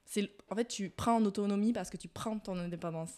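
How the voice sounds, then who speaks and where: A woman's voice: mid-range voice, quick pace, mellow. This is a woman in her twenties speaking with a Southern French accent. She is a podcast guest who talks in a loose, chatty way. She tells her stories with a self-mocking touch. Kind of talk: casual podcast chat.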